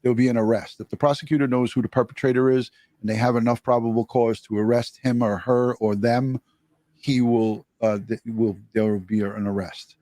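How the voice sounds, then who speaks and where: A male live-stream host, chatty and casual, reading out viewer comments. His pitch is mid-range for a man. The sound is dry and close, with no room to it. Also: fairly even intonation, brisk, dark tone, dry recording.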